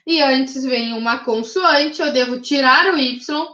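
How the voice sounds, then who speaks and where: High-voiced Brazilian woman teaching English. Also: a little slow, sharp tone. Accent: Brazilian Portuguese. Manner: patient, methodical, checks in with frequent tag questions. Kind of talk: recorded class explanation. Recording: roomy, slightly dull recording.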